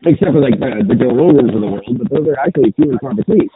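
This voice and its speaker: A man's voice: medium pitch, very animated, rapid-fire, vocal fry, crowd noise. A man co-hosting a podcast in casual chat, his voice muffled as if talking through a sweater, rambling and swearing casually with many restarts. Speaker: podcast co-host. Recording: muffled phone-like line with background noise.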